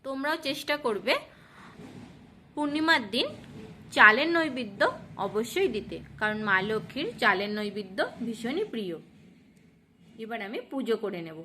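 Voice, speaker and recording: A woman explaining a home puja step by step and reading devotional verse in a gentle rhythm. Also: on the high side, expressive, normal speed, pauses often, a little hiss or hum. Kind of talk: demonstrating a home ritual and reciting verses.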